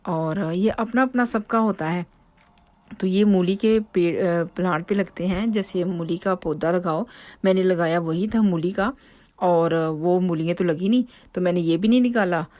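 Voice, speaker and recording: A woman in her thirties from Pakistan, speaking, narrates her home vlog. She talks in a loose, chatty way, full of fillers and restarts. Her voice sits a little low, and the recording is dry and close. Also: normal speed, a little mellow, no echo. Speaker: home vlogger. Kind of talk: casual voice-over narration.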